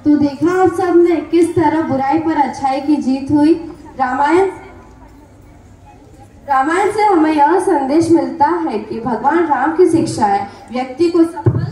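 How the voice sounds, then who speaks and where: A woman's voice: high-pitched, warm tone. A woman giving an earnest, formal moral speech to an audience at a school function. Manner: slow, earnest, formal delivery. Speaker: speaker at a school event. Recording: echoey hall recording.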